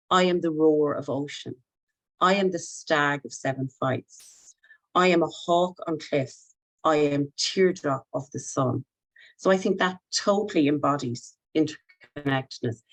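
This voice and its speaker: A woman with an Irish accent, a psychologist giving a gentle, reflective talk over a video call, often pausing with ums and correcting herself. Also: low voice, rough recording. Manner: gentle, hesitant, many ums and self-corrections.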